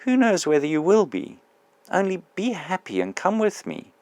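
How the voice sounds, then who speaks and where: A man reading an audiobook, voicing a radiant male spirit who speaks softly, calmly and reassuringly. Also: sits high, normal speed, no room sound, voice pushed up, exaggerated voice. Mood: serene. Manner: soft, calm, patient and reassuring. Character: serene radiant male spirit, gentle and joyful.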